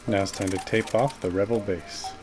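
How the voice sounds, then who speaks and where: A man's voice: on the low side, fairly even intonation, normal speed. A man giving a casual, matter-of-fact voice-over for a how-to video, explaining each step plainly. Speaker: maker narrating a how-to video. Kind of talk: casual scripted tutorial voice-over.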